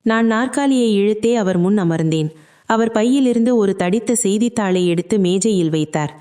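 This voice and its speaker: A woman narrating a first-person story from a script. She reads at a steady, even pace with a mellow, warm voice. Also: medium pitch, normal speed.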